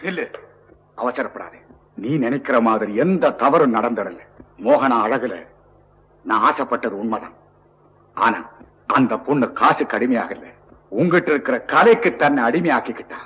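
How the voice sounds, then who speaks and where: A man's voice: medium pitch, lively intonation, moderate pace, pauses often, a bit bright, lo-fi sound, close to an everyday voice. An actor playing a commanding, domineering king in old film dialogue. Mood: conciliatory. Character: commanding, lustful middle-aged king.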